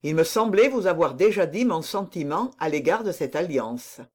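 A reader voicing a grave older count and reserved father, speaking in a calm, measured way in an audiobook. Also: medium pitch, close to an everyday voice. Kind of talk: audiobook reading of dialogue.

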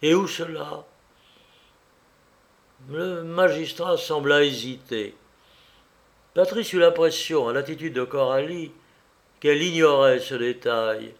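A man's voice: fairly high pitch, unhurried. Man narrating a classic novel. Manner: even, literary storytelling. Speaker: audiobook narrator. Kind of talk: scripted narration.

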